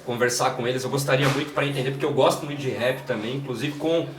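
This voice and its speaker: Male interview guest, São Paulo accent, relaxed storyteller full of fillers, mid pitch, roomy distant sound. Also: quick pace. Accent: São Paulo Portuguese. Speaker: guest, creative director and videomaker. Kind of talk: casual interview conversation. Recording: echoey room, distant mic, faint noise.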